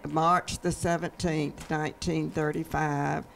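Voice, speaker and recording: A woman in her eighties from Atlanta, introducing herself slowly and haltingly. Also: low voice, flat delivery, creaky, a little hiss or hum. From Atlanta, Georgia. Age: 80s. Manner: slow, halting, with fillers. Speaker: senior center member. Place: large community room indoors. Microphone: handheld mic.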